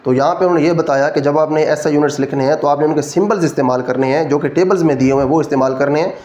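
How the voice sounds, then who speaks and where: A man's voice: on the high side, rapid-fire, a little mellow. A man with a Pakistani Urdu accent giving a physics lecture, explaining each rule step by step and checking in with his students. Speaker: physics teacher. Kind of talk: classroom lecture.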